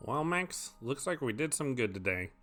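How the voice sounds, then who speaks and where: A man's voice: medium pitch, normal speed, faint music behind. Man voicing Sam, a wry cartoon dog detective. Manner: wry, wordy, even-tempered.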